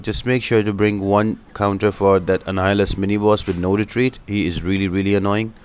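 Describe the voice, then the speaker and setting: Over background music, a man hosting a gaming channel explains a video game guide step by step. His voice is fairly low, clear and resonant.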